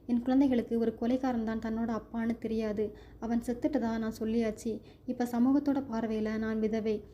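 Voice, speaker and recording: A woman's voice: a little high, level tone, normal speed, dark tone, muffled recording, slight background noise, close to an everyday voice. A woman voicing a convict's wife, a guarded, protective mother who speaks firmly and defensively. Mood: weary. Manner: firm, defensive.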